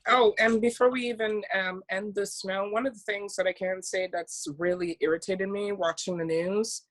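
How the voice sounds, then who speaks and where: A woman's voice: mid-range voice, steady tone, moderate pace, poor audio. A woman co-hosting a podcast in casual chat, telling stories bluntly and candidly and swearing freely. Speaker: podcast co-host.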